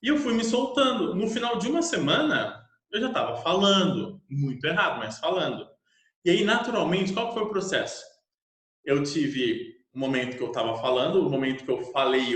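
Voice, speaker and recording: Animated Brazilian man telling a story. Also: a little high. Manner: animated, self-mocking storyteller. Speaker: English teacher. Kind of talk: personal storytelling. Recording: echoey room.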